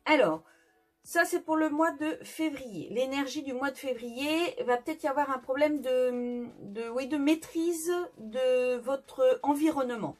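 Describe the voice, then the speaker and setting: A French woman gives a casual tarot reading, chatty and hesitant, full of fillers and restarts. Her voice sits high, a little slow and mellow, with faint music in the background.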